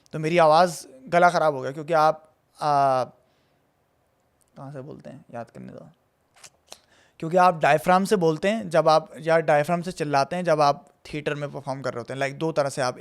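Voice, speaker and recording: Male host, lively casual storyteller, voice a little high. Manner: animated, mixes Urdu with English phrases. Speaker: host and theatre actor.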